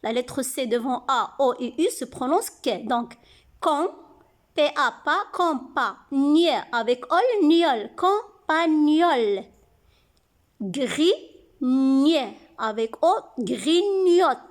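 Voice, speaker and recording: Woman, teacher, high voice, unhurried, clearly sounded syllables, children's reading lesson. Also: expressive. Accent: French-speaking North African.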